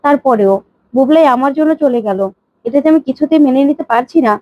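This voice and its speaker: A woman's voice: sits high, fast, dry recording, dull audio, natural voice. A woman voicing a kind, devoted man who speaks earnestly and with care. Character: kind devoted man, the family's selfless helper.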